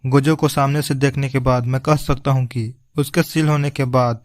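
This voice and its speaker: A man's voice: medium pitch, level tone, normal speed, no echo, studio quality, natural voice. A man voicing a playful, cruel male curse spirit in a dubbed anime recap, speaking in a teasing way. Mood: taunting.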